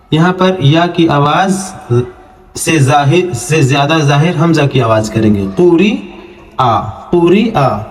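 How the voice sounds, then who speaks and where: In a roomy-sounding online Quran reading lesson, a man teaches Arabic letter reading by spelling out each letter and vowel. He stretches the syllables slowly, then explains the rules in quick, low speech.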